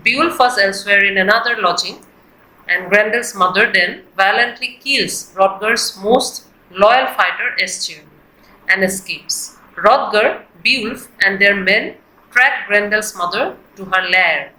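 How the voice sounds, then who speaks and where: A woman giving a scripted, explanatory literature lesson in a deliberate, textbook-like manner. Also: mid-range voice, pushed and bright. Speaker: literature teacher. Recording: echoey, roomy sound.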